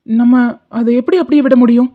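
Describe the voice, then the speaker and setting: A woman's voice: a little high, steady tone, brisk, narrow, tinny audio, lightly acted. A woman voicing a heartbroken young man in love, earnest and remorseful. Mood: defiant.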